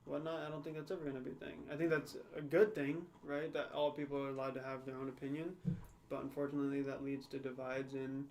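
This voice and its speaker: Talking fast with few pauses, a young male co-host on a podcast uses a medium-pitched, darkish voice with little pitch movement, over a little hiss or hum. His casual discussion is thoughtful and hedging, full of "right?" and "you know."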